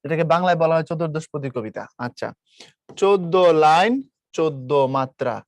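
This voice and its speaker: A man's voice: fairly high pitch, normal speed, no echo. A young man teaching an online class, repeating key points and asking students questions. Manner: explains patiently with questions to students, mixes English words. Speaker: online tutor.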